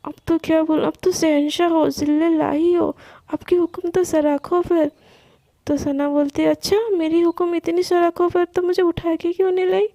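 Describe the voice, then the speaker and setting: A young woman tells a story in a chatty, casual way and voices the characters' lines herself. Her voice sits high and steady, with a mellow, gravelly texture. The recording is dry and close. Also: normal speed, no room sound. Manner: narrates in a chatty way, voicing both girls' lines. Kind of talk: casual storytelling narration with acted dialogue.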